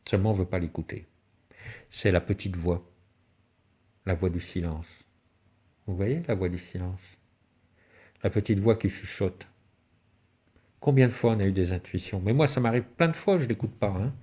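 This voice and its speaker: Husky, low-voiced man lecturing. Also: normal speed, long pauses, dark tone. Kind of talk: spiritual talk on alchemy and symbolism.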